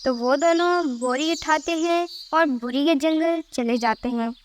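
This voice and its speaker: A woman's voice: high-pitched, unhurried, slight background noise. A woman reading scripted narration for a children's cartoon story.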